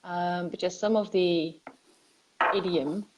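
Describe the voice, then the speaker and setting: A woman's voice: fairly low pitch, fairly even intonation, slow, dull audio, heavy background noise. A young woman hosting a casual live-stream talk, chatty and often restarting her sentences. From Netherlands. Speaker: host.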